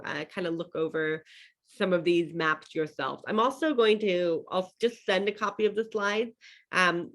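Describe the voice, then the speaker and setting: A woman's voice: lowish voice, fairly bright tone. A young adult woman teaching an online wine class in a casual lecture style, with many fillers and restarts as she walks through slides. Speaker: wine educator.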